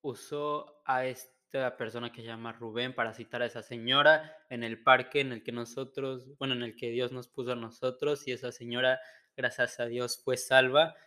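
Man, earnest, Bible reading, crisp voice. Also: mid-range voice, pushed and bright. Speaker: co-host and preacher. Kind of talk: casual chat and Bible reading.

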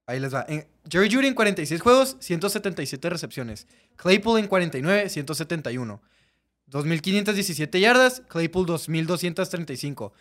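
A man's voice: a little high, expressive, a little fast, fairly bright tone. A man with a Mexican accent giving casual, blunt sports analysis as a panelist, using slang.

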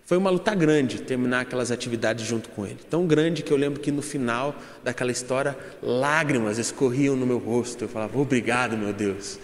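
A man's voice: mid-range voice, fairly quick, hardly any pauses, roomy sound, long reverb tail. A young Brazilian man giving a humorous church testimony, telling a story and addressing the congregation as brothers. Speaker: church speaker.

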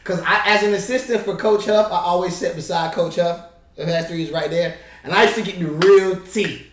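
A man co-hosting a casual basketball podcast as an assistant coach, animated and playful, slipping into slangy bench banter. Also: sits high, fairly quick, far from the mic. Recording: roomy sound, voice off-mic.

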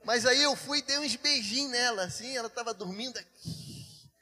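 A man's voice: very high voice, moderate pace, sharp tone, long reverb tail. A man preaching as a pastor, telling a testimony with emotion and addressing the congregation as brothers. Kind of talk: sermon testimony.

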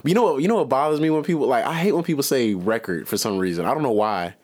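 A man's voice: mid-range voice, lively intonation, rapid-fire, a little mellow. A man co-hosting a podcast in casual chat, laid-back and profane, rambling with lots of fillers. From Southern United States. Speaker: podcast co-host.

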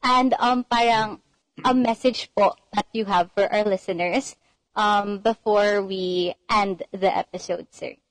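Slow, polite Filipino woman co-host. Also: mid-range voice, fairly even intonation, no echo, low-quality recording. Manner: polite, deferential, addresses guest as sir. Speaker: student radio co-host. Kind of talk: casual interview.

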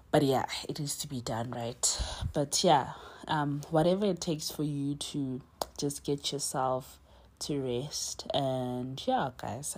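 A woman's voice: low-pitched, dark tone. A young woman hosting a podcast, talking in a chatty, heartfelt way with lots of "you know"s. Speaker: podcast host. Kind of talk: casual encouraging monologue.

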